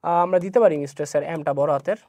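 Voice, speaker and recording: A woman's voice: low voice, fast, dark tone, dry recording, clean studio sound. Woman teaching, checking questions. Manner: explains step by step, asks checking questions. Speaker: English teacher. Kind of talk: online exam-prep lesson.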